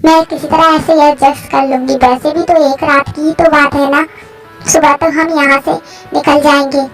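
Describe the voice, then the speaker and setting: A woman's voice: high-pitched, little pitch movement, moderate pace, soft background music, natural voice. A woman voicing a frightened, stubborn young woman in a fan story, refusing and anxious by turns. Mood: reassuring.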